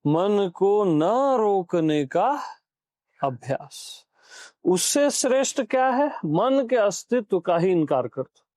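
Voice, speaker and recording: A man's voice: high voice, big pitch swings, slow, darkish tone, no room sound, clean studio sound. A man giving a satsang discourse as a spiritual teacher. He questions his listeners, repeats key phrases, and urges them on.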